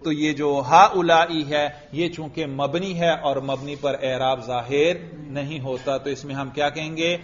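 A man teaching grammar in a classroom lecture. He keeps asking his students questions, answers them himself, and slowly chants example phrases. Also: on the high side, steady tone. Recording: dull lo-fi recording.

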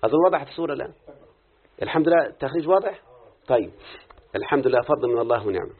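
A man with an Egyptian accent teaches Quranic readings and Arabic grammar in a live lesson, explaining quickly and asking frequent questions to make sure his student follows. His mid-range voice is husky with lively intonation, captured on a tinny, phone-like lo-fi recording.

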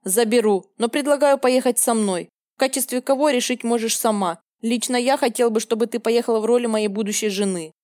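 A woman's voice: fairly high pitch, brisk, hardly any pauses, darkish tone, dry recording, studio quality, lightly acted. A woman reading the lines of a jealous, domineering young man in an audiobook story. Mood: calm.

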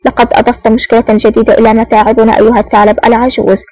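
A woman's voice: on the high side, level tone, very fast, darkish tone, soft background music, natural voice. A woman voicing a stern, impatient male foreign agent in an audiobook, curt and scolding.

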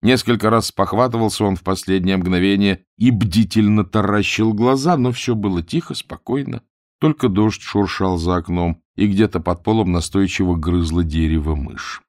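A man narrating a humorous novel as an audiobook reader, telling it in a lively, expressive way. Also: sits low, moderate pace, no room sound, clean studio sound.

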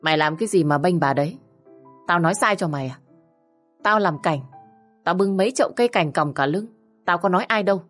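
A woman's voice: sits low, expressive, moderate pace, soft background music. Woman doing a drunk, belligerent husband. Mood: drunk, angry. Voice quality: slurred, husky with drink. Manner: shouting, belligerent. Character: drunk angry middle-aged husband.

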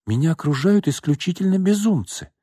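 A man's voice: low-pitched, big pitch swings, measured pace, darkish tone, husky, dry recording, studio quality, exaggerated voice. A man reading a story and voicing an exasperated middle-aged wife who sounds weary and indignant. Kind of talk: audiobook reading.

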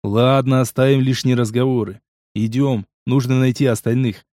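A man's voice: medium pitch, fairly even intonation, normal speed, warm tone, no room sound, studio quality, close to an everyday voice. A man reading the lines of a curt, irritable male mercenary hero in an audiobook. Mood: terse.

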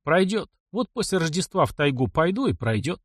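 A man's voice: fairly high pitch, very animated, brisk, no room sound, clean studio sound, pitched above the performer's own voice. A man voicing a blunt, brooding young village man in an audiobook, speaking in a grumbling way. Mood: moody. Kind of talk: audiobook character voice.

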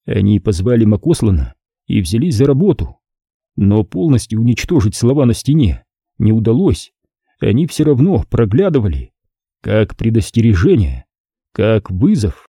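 A man reads an audiobook with a dark, husky voice, his pitch rising and falling a lot. The sound is dry and close, with no room around it. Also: normal speed, no room sound. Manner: lively, expressive reading. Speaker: audiobook narrator. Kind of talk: scripted narration.

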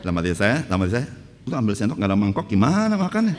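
A man's voice: fairly low pitch, huge pitch swings, rapid-fire. A male pastor, preaching a sermon through humorous stories and asking the congregation "right, brothers and sisters?". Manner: grows louder and more fervent in preaching. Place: church hall. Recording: church hall reverb, faint background noise.

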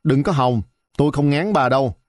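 Brief: man doing a defiant, hot-tempered boy, high, fast, dry close mic. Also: dry recording, lightly acted. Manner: defiant, mocking.

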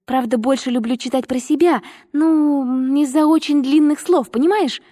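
A woman's voice: sits high, moderate pace, warm tone, pitched above the performer's own voice, natural voice. A woman voicing a cheerful, eager little girl who talks with bubbly, breathless enthusiasm. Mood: chatty. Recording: long reverb.

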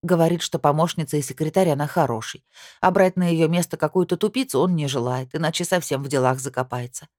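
A woman's voice: sits low, fast, a little mellow, dry recording, clean studio sound, natural voice. A woman voicing an aggrieved young bride who complains heatedly in an audiobook. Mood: resentful. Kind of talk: audiobook character reading.

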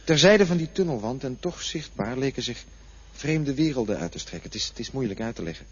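In a radio drama, an actor plays a bewildered man who has died and wakes in a coffin, haltingly describing what he saw. His mid-range, husky voice has lively intonation and a dazed, wondering mood, dreamy and searching for words. The recording is dull and lo-fi with faint hiss.

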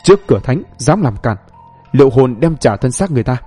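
A man voicing a wise, stern old woman healer who speaks slowly and with command. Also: medium pitch, big pitch swings, warm tone, husky, soft background music.

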